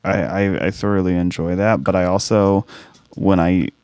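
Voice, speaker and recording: A man's voice: deep voice, fairly even intonation, normal speed, a little mellow, clean tone, no room sound. A man co-hosting a comedy podcast, rambling and restarting his sentences while joking around. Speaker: podcast co-host. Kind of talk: crude casual banter.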